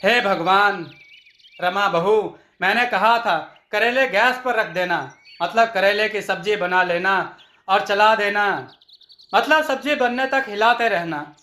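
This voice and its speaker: A man's voice: high-pitched, measured pace, sharp tone. A man voicing an exasperated older mother-in-law in a storybook tale, scolding her daughter-in-law. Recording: echoey room.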